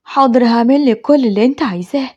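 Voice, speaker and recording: A woman's voice: fairly high pitch, rapid-fire, a little mellow, highs cut off, natural voice. A woman with an Egyptian accent voicing a frightened schoolboy who pleads with his mother. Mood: fearful. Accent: Egyptian Arabic. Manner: pleading, fearful.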